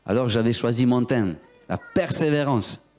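Man, preacher, sermon, lively storyteller, talks straight to the congregation. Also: medium pitch, normal speed. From Italy. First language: Italian. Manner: animated storyteller, acts out voices, talks to the congregation. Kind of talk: sermon with personal testimony.

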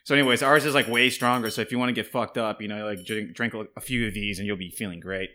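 A man's voice: lowish voice, fairly even intonation, quick pace, bright, forceful tone. A man talking casually as a guest about the absinthe he makes, joking and laughing often. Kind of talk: casual chat.

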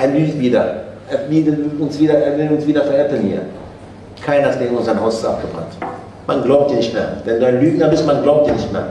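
A man teaches in a conversational sermon, often turning to his listeners with questions. His voice is somewhat high but mellow. He sounds far from the mic, in a very echoey room with a faint hiss. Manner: conversational, asks the audience questions, often adds "ne?". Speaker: religious teacher.

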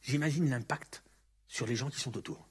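A man preaching a sermon as a pastor, animated, acting out the voices of the story. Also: mid-range voice, moderate pace, slightly rough. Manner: animated, acts out the story's speakers.

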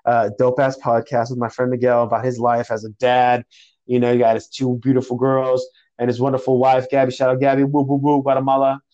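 A young man telling a story in a casual podcast chat, animated and slangy, calling people bro and dude. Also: mid-range voice, a little fast, highs cut off.

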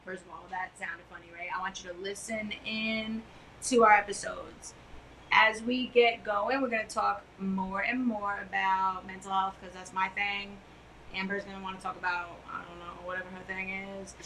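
A middle-aged woman co-hosting a podcast, chatting casually on a couch in a loud, emphatic way. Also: mid-range voice, flat delivery, normal speed, a little hiss or hum, rough recording. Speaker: podcast co-host. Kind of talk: casual chat. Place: living room couch.

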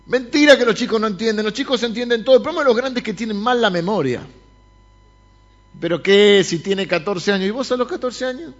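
Speaking straight to his congregation during a church service, this male pastor preaches with a Rioplatense Spanish accent. He talks fairly quickly in a high-pitched voice with lively intonation, though the recording sounds muffled.

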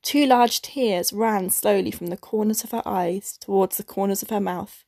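Breathy woman reading a story. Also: mid-range voice, normal speed, darkish tone, dry recording, clean studio sound. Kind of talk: scripted narration.

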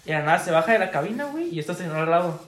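Brief: young mexican male co-host, quick slangy storyteller, slightly high voice, roomy echo. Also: very animated, fairly bright tone. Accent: Mexican Spanish. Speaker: podcast co-host. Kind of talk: casual chat.

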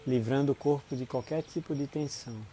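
A man with a Brazilian Portuguese accent leads a guided relaxation in a soothing, unhurried manner, leaving long pauses between short phrases. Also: mid-range voice, steady tone, mellow, slight background noise. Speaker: guided meditation instructor. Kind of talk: guided body-scan relaxation.

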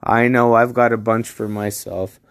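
A man from Canada leaving a friendly, relaxed voicemail for a podcast. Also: medium pitch, measured pace, smooth, dry recording, clean studio sound. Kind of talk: casual voice message.

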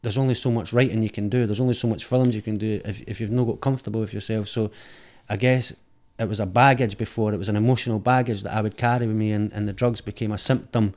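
Quick and barely pausing, this Edinburgh film director speaks in a low, slightly mellow voice with fairly even intonation. He's a middle-aged interview guest in a frank, thoughtful conversation, often repeating himself while hunting for words, recorded on a dynamic studio mic.

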